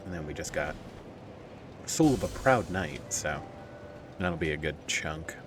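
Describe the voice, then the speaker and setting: A man's voice: a bass voice, expressive, measured pace, background noise. A man giving casual, joking commentary while playing a video game, talking to himself and swearing at enemies.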